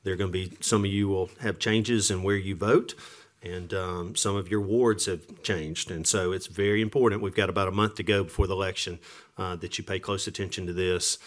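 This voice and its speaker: A man chairing a council meeting as mayor in a measured, formal manner. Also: deep voice, fairly even intonation.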